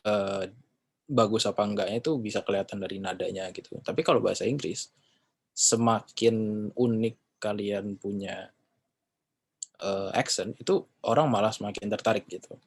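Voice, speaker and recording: A man teaching in a casual, chatty way, relaxed and full of fillers and slang. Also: lowish voice, normal speed, pauses often, slight background noise. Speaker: English teacher. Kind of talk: casual lesson talk.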